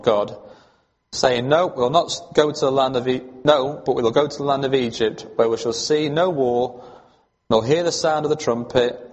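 Preacher with a hall echo. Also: male voice, mid-range voice, a little mellow. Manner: conversational, emphatic, asks the congregation questions. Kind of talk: sermon. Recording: long hall reverb.

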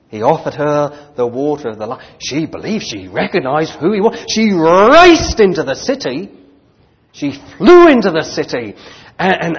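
Slow earnest preacher at a pulpit microphone. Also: male voice, a little high. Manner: earnest and deliberate, growing fervent. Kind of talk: sermon with Bible reading. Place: church sanctuary. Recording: dull church recording with long hall reverb.

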